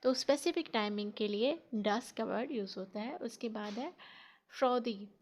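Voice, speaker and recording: A woman with a mother tongue, teaching a spoken English lesson through slow, deliberate pronunciation drills. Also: on the high side, a little mellow. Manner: slow, deliberate quiz-style word drills.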